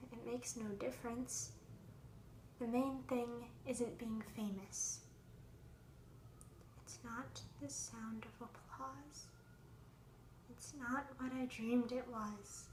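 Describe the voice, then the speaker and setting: A young woman acting a stage monologue as a fragile, haunted young actress worn down by heartbreak, her voice swinging between hushed whispers and raised outbursts. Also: on the high side, slight background noise. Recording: echoey room.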